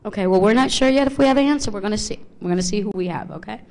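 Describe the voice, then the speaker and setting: A woman doing psychic readings for a live audience in a small theater, holding a handheld mic. She talks in a halting, searching way, stopping and restarting as she works through what she senses. Her voice sits at a middling pitch for a woman. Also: darkish tone. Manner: halting, thinking aloud with many restarts. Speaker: psychic medium. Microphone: handheld microphone.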